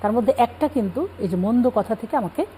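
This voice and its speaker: Mellow-voiced woman explaining religious teaching. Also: on the high side, fast talker, a little hiss or hum, rough recording. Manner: calm explanatory, cites scripture. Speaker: religious guest speaker. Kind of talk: Islamic talk show explanation.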